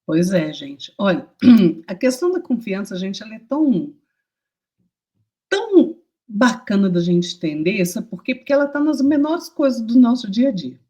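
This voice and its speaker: A woman's voice: medium pitch, sing-song, normal speed, warm tone. A woman co-hosting a Spiritist program, explaining ideas in a conversational way and speaking straight to the audience with everyday examples. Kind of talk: conversational teaching talk.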